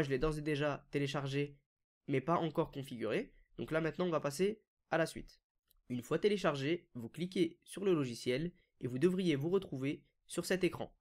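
A man hosting a screen-recorded software tutorial, explaining each step casually with frequent fillers. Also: fairly high pitch. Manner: casual, step-by-step, many "donc" and "euh" fillers. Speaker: WordPress consultant and YouTube tutorial host.

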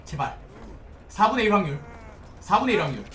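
Young man, game streamer, excitable, swearing, bright tense voice, roomy distant mic. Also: high-pitched, a little fast. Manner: excitable, swears often, pleads loudly with teammates. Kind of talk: live gameplay commentary. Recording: roomy, distant mic, faint background noise.

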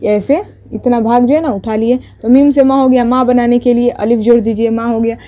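A woman's voice: on the high side, fairly even intonation, moderate pace, lo-fi sound. A woman teaching a beginners' Urdu writing lesson step by step, patiently explaining each stroke and correcting herself as she goes.

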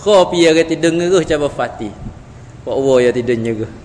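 A man with a Patani Malay accent teaching Quran recitation in a classroom. He speaks in an animated way, repeats sounds over and over for his students and often chuckles. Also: medium pitch, moderate pace. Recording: echoey hall with faint background noise.

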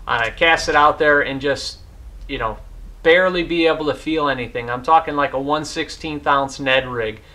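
A man's voice: on the high side, moderate pace, bright, forceful tone. A man in his thirties, hosting a casual fishing gear review from his garage, talking with hands-on enthusiasm. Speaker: fishing channel host. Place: garage with boat and rods.

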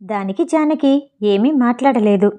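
Female audiobook narrator, slightly high, warm mellow voice, plain storytelling read. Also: animated, unhurried. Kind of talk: reading a novel aloud.

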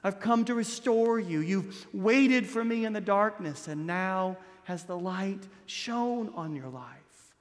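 A man in his thirties, a priest delivering a Christmas Eve homily with impassioned preaching, dropping low and soft on key words. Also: takes it slowly. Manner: gestures broadly while standing at a lectern. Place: large stone church, indoors. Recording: long church reverb.

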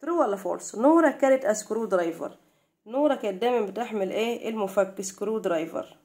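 A young woman with an Egyptian Arabic accent teaching a primary-school English lesson. She reads English slowly, translates it and keeps asking questions. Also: medium pitch, a little mellow.

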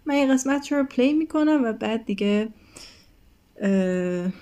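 A woman runs a recorded English lesson with a mellow, relaxed voice. She explains each point and reads the example sentences aloud slowly and carefully, like a patient teacher. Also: fairly high pitch, clean tone. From Iran.

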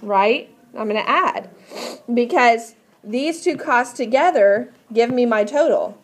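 A woman's voice: on the high side, expressive, slow. A woman teaching a math class step by step in a patient, instructive way, often asking questions to check understanding. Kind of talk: classroom lesson, explaining step by step.

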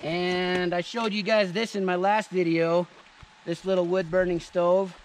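A man's voice: sits high, measured pace, a little hiss or hum. Field: casual man showing camp gear. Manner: relaxed, chatty, addresses viewers as "you guys". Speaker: vlogger showing camping gear. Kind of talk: casual outdoor demonstration. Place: forest clearing outdoors. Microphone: camera on a tripod and handheld selfie camera.

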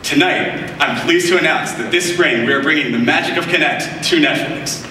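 Over a noisy crowd and heavy background noise, a young man's voice, on the high side and at normal speed, carries through echoey hall audio recorded far from the mic. He's an upbeat, enthusiastic presenter giving a scripted live product demo on a large keynote stage.

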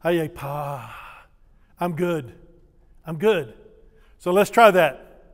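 A man's voice: sits high, animated, slow, big-room sound. An older man giving a folksy, humorous sermon as a visiting missionary speaker, telling stories and getting the congregation to repeat greetings after him. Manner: folksy, humorous, leads the congregation in call-and-response. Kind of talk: sermon with storytelling. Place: church sanctuary.

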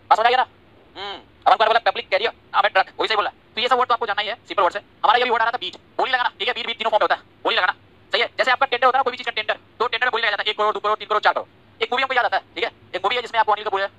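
A man teaching English vocabulary in a live class, talking quickly and checking over and over that the students follow. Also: high voice, pushed and bright, poor audio. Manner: rapid, repetitive checks like "ठीक है?" and "समझे?"; scolds and teases students by name. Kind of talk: online class lecture in Hindi and English.

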